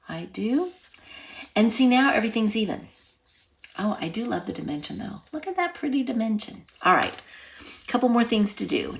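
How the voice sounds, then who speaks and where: Gravelly-voiced woman chatting through a craft demo. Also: medium pitch, slight background noise. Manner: chatty, thinks aloud while working; drops to soft near-whispers while concentrating. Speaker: craft instructor. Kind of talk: casual card-making tutorial.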